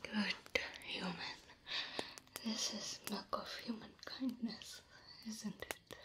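A woman's voice: medium pitch, fairly even intonation, slow, close to an everyday voice. A woman whispering as a proud, blunt orc warrior. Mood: pleased. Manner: broken English, speaks of herself in third person; soft close whisper throughout. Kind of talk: ASMR roleplay. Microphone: close mic.

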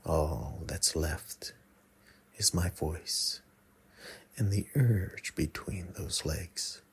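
Low husky guy doing whispered role-play right up in your ear, super slow n teasing. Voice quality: breathy, husky. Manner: close, breathy murmur right in the listener's ear, slipping into whisper; slow, coaxing, teasing delivery with many pauses. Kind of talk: intimate whispered role-play, erotic ASMR audio. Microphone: close mic.

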